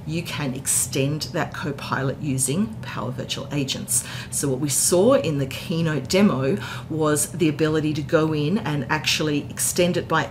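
A woman in her forties, a tech content creator, presents an enthusiastic, informal explainer recap to camera in an indoor hotel-style room. The recording is clear, with background noise that includes a low rumble.

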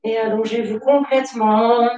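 A woman yoga teacher guiding a class with slow, calm spoken cues and pauses. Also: fairly high pitch, lo-fi sound. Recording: roomy, from a distance. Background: soft music.

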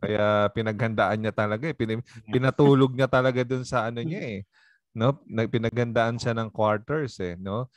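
A pastor leading a casual Bible study group, joking and retelling scripture in conversation. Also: male voice, medium pitch, moderate pace, no room sound. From Philippines. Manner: jokey, conversational, reads scripture aloud.

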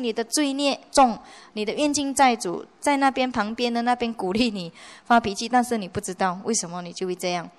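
A Buddhist nun giving a conversational dharma lecture in a monastery hall, slipping in English words and often asking her listeners whether they follow. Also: on the high side. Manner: conversational, mixing English words, frequent rhetorical checks.

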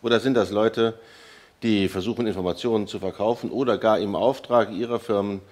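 Male academic guest with a low voice, measured and explanatory, studio discussion. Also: fairly even intonation, a little mellow. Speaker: professor, expert guest.

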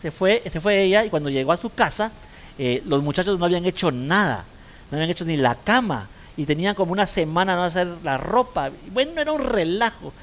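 A man's voice: sits high, fairly quick. A man preaching a language sermon as pastor and therapist, telling a story with lots of restarts and "¿verdad?" checks. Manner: animated storytelling, many repeats and "¿verdad?" tags. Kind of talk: sermon with anecdote.

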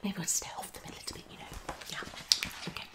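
In a small room at home, a young woman plays a psychologist in a fast, unscripted ASMR roleplay, her voice quick and a bit bright. She sounds questioning and hesitant, often repeating short phrases.

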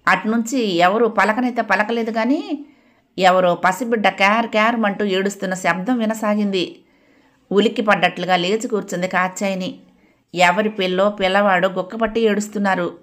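A woman reading a family audio novel aloud, steady and expressive. Her voice sits at a middle pitch for a woman. The telling is scripted and unhurried.

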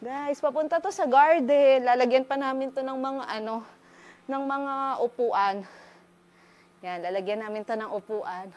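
Woman vlogger from the Philippines, slightly high voice, eager and chatty while walking through her new home, handheld mic. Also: unhurried. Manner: excited, chatty, filler-heavy, switching between Tagalog and English. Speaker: vlogger giving a house tour. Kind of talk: casual chatty house-tour vlog.

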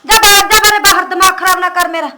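A woman playing a sharp-tongued, quarrelsome village wife in a homemade comedy drama. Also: very high voice, steady tone, fast, very noisy. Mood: angry.

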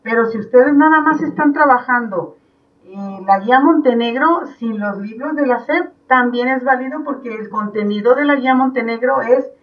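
A woman teaching young children in an online class, with a Mexican Spanish accent, explaining slowly and patiently step by step. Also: on the high side, far from the mic. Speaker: primary school teacher. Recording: dull sound from off the mic.

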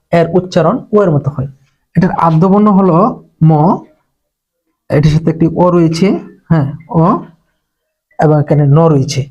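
A man from Bangladesh teaching an exam-prep language lesson, speaking slowly and repeating words syllable by syllable. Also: fairly high pitch, a little mellow, slightly rough. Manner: slow, repetitive, breaks words into syllables. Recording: dull lo-fi recording.

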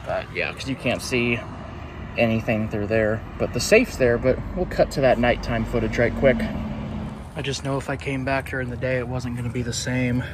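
Strolling around a building's exterior, this vlogger speaks at medium pitch and a normal pace. His off-the-cuff tour commentary has a dry, self-mocking sarcasm, set against traffic noise and the general sound of the city outdoors.

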